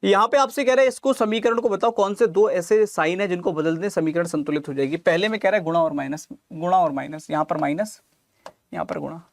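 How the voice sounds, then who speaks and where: The voice is high-pitched, brisk and gravelly, recorded cleanly in a studio with no room sound. A man teaches exam reasoning online, working calculations out step by step, calling his students lalla and mere lal and blending in English terms.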